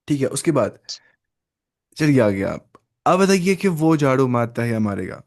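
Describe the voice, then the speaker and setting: A man's voice: mid-range voice, sing-song. A male language teacher in an online lesson, who drills phrases, repeats them and prompts his student to answer. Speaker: Arabic teacher.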